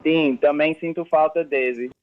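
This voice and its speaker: A man from Jamaica heard on speakerphone over a phone line, talking in an earnest, measured way in an interview. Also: fairly high pitch, steady tone.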